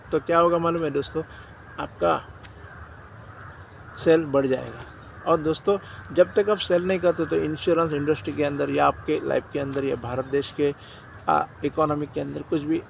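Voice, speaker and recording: An Indian man with a gravelly, slightly high voice coaches insurance agents in a direct, repetitive way. He keeps calling them friends as he pushes his point. Faint outdoor noise sits behind him. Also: poor audio. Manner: direct, repeats phrases, often says "dosto". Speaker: insurance sales trainer. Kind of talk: motivational sales talk to agents.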